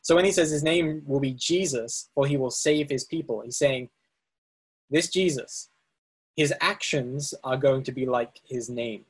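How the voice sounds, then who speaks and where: Speaking at a measured pace, a man with a mid-range, slightly breathy voice teaches a Bible study from on-screen slides. He explains things step by step, often using fillers and restarting sentences, in a presentation-style recording.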